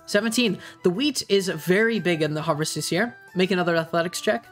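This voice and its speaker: A game master improvising tabletop narration in a hesitant, halting way, searching for words. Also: mid-range voice, soft background music.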